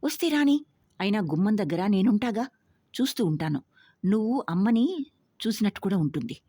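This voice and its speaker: A woman voicing an anxious but bold young woman who questions sharply and loudly, in a husky voice. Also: mid-range voice, animated, moderate pace, no echo, studio quality, voice pushed up. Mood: startled, eager.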